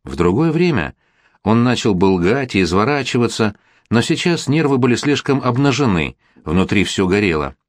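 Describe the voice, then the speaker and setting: A man narrating an audiobook in a steady, even voice. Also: lowish voice, moderate pace, dry recording, studio quality.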